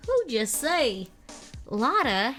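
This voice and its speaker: A woman streamer chatting casually and reading a game aloud, giggly and animated. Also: high-pitched, extremely slow, faint music behind.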